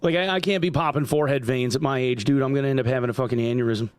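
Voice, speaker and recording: Talking very fast at a medium pitch with fairly even intonation, a man in his 40s from upstate New York games on a livestream and chats with viewers. He's profane and rambling, saying "like" and "dude" constantly. His tone is clean, with no echo.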